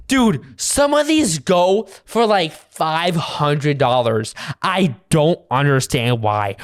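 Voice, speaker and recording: A reaction video host giving casual commentary who exclaims and laughs in disbelief. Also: mid-range voice.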